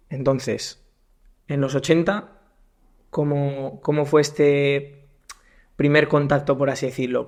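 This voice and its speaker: A young man from Spain hosting a podcast and interviewing a guest in casual conversation, often pausing and repeating words as he asks his questions. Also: mid-range voice, vocal fry, darkish tone. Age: young adult. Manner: hesitant, repeats words while asking questions. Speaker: podcast host.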